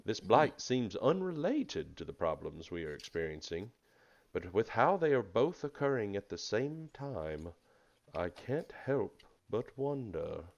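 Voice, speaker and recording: A man voicing a wise, gentle old male turtle druid in a tabletop fantasy game, with a drawn-out storybook manner. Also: lowish voice, very animated. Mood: solemn. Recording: slightly dull lo-fi mic.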